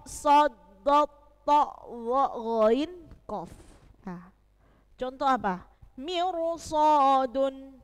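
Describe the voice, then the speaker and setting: A woman teaching recitation rules, patiently explaining and often breaking off to repeat a word. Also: sits high. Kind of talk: tajwid lesson.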